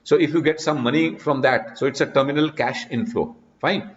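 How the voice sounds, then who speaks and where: Brief: male lecturer, mid-pitched, filler-heavy explanations, dull call audio in an echoey room. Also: moderate pace. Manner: explanatory, frequent "you know" fillers. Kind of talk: online class lecture. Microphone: video call.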